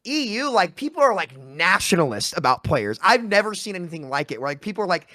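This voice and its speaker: Rapid, bright-voiced male podcast guest. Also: sits high, sing-song, dry recording, clean studio sound. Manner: rambling, repeats words as he talks. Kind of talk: casual podcast chat.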